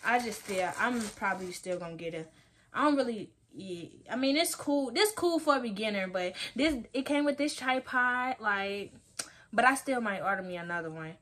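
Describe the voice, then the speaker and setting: A woman vlogger talking to her viewers in a casual unboxing video, chatty and excitable. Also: fairly high pitch, moderate pace.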